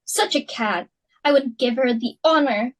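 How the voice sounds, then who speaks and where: A young woman, a student actor, performs an amateur dramatic reading as a fussy, status-hungry society hostess and mother, playing her in a flustered, theatrical way. Her voice is a little high and unhurried, and the recording is low quality.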